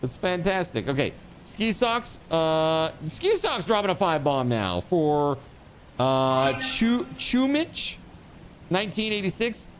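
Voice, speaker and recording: A man livestreaming and chatting casually with viewers, giving shout-outs in an excitable, hyped way with repeated words and exclamations. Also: fairly high pitch, a little slow, slight background noise. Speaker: live game streamer.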